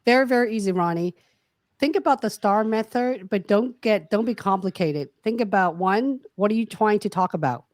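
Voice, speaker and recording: Frank, animated woman career coach. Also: mid-range voice, normal speed, dry recording, studio quality. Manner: frank, animated, calls out listeners. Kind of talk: casual webinar talk.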